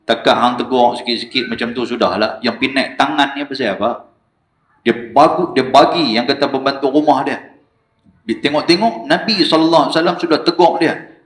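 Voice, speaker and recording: An echoey recording captures a man with a northern Malaysian Malay accent lecturing one evening in a small prayer hall. He speaks fairly quickly, telling lively stories that shift between hushed asides and raised exclamations.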